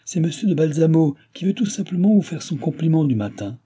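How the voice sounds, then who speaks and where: A man's voice: a little high, expressive, brisk, warm tone, slightly rough, voice pushed up. A man doing a defiant young chambermaid. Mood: insolent. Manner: insolent, needling. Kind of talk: audiobook character voice.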